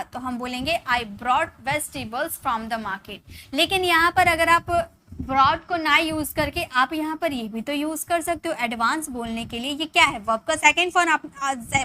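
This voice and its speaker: A woman, a native Hindi speaker, teaching English online, explaining in Hindi mixed with English and slowly drawing out each example sentence. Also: high-pitched, pushed and bright, slight background noise. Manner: slow, drawn-out dictation of example sentences. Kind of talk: online spoken English lesson.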